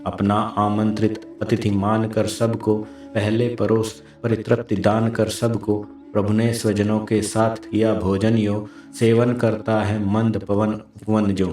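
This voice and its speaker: Slow, dark-voiced man reciting verse. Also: lowish voice, flat delivery, roomy sound. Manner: solemn measured delivery. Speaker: poetry reciter.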